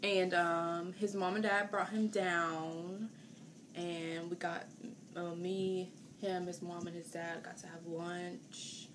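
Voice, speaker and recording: A woman's voice: on the low side, little pitch movement, slow. A woman in her twenties chatting casually with her partner for her vlog, rambling with lots of fillers. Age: 20s. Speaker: vlogger. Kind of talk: casual chat. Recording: noisy home video.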